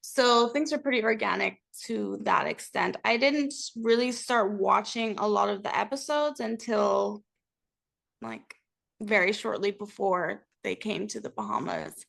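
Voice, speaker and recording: A woman's voice: mid-range voice, expressive, unhurried, gravelly, fairly bright tone. A young woman chatting casually as an interview guest, candid and reflective. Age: young adult. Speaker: interview guest, reality TV cast member.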